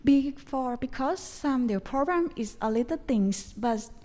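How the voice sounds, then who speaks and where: Woman, very slow, higher pitch, hesitant, echoing hall. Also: expressive, darkish tone. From Thailand. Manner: simple, hesitant phrasing. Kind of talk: symposium panel talk. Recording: reverberant hall.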